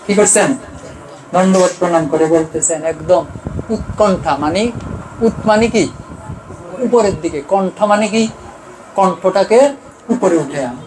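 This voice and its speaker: A man giving a devotional sermon. He keeps asking questions and answering them himself, rising for emphasis and trailing off low. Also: measured pace, pauses often, a little mellow, echoey room, slight background noise, low-quality recording. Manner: rises in pitch and volume for emphasis, trails off low. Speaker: preacher. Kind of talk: devotional sermon with chanted verses.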